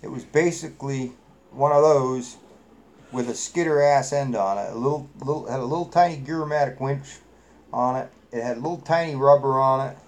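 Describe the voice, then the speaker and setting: A man's voice: mid-range voice, normal speed, darkish tone. A middle-aged man with a New England accent, hosting a live chat and telling rambling, salty, folksy stories full of fillers. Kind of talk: casual storytelling chat.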